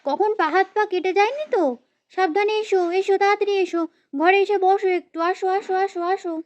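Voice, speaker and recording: A woman's voice: extremely high pitch, fast talker, highs cut off. A woman voicing a fussy young village housewife in a doll story, grumbling and scolding as she talks. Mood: fussing.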